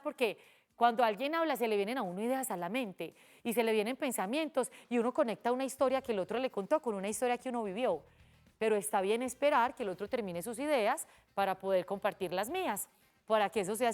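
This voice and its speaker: A woman teacher giving a televised language lesson for children, expressive and acting out little dialogues. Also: on the high side. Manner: expressive, acts out little dialogues with lively voices.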